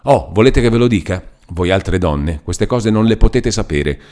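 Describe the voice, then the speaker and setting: A man's voice: fairly low pitch, expressive, moderate pace, darkish tone, close to an everyday voice. A man reading aloud voices a hurt, stubborn young man who speaks in an impassioned, reproachful way.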